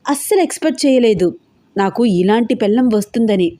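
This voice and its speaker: A woman's voice: on the high side, expressive, fairly quick, mellow, no room sound, studio quality, natural voice. A woman voicing a playful young man who teases his bride-to-be in an audio story. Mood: teasing. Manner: playful, teasing. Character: teasing young man, kickboxer fiancé.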